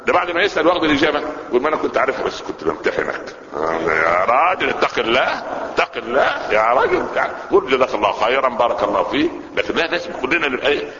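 A man in his sixties with an Egyptian Arabic accent, preaching a colloquial sermon and throwing rhetorical questions at his listeners. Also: medium pitch. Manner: animated, asks the audience rhetorical questions. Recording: echoey hall, dull lo-fi sound.

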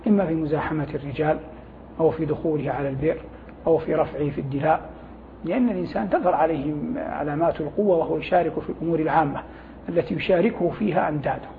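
A man speaking as a religious scholar, explaining scripture didactically in formal Arabic and reciting quotations. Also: fairly high pitch. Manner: didactic, formal Arabic with pauses to gloss phrases. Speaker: religious scholar, programme guest. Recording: thin phone-like sound with faint noise.

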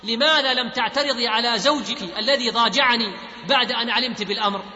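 A defiant young woman full of scorn, voiced by a man reading her lines. The voice sits very high and bright. It rings in a large hall on a dull, lo-fi recording. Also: quick pace, full character voice. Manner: read out plainly in the narrator's voice.

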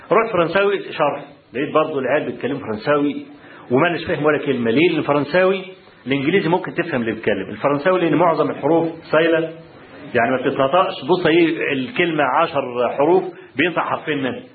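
A man with an Egyptian Arabic accent telling students about his college days, animated, often checking in with the audience. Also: a little high, echoey room, narrow, tinny audio. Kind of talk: storytelling talk to students. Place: lecture hall.

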